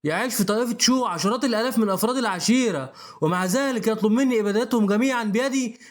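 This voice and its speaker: A man's voice: high-pitched, rapid-fire, natural voice. A man voicing a frightened old male clan ancestor who stammers as he pleads, then turns brutal. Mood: anxious pleading. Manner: anxious and stammering.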